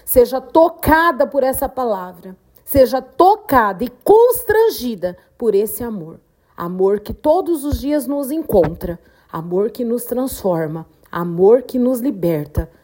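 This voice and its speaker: A woman delivers a devotional podcast message, her voice sitting a little high. She preaches slowly and fervently, repeating her phrases for emphasis. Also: sing-song, a little mellow. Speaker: podcast host, devotional speaker. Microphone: podcast microphone.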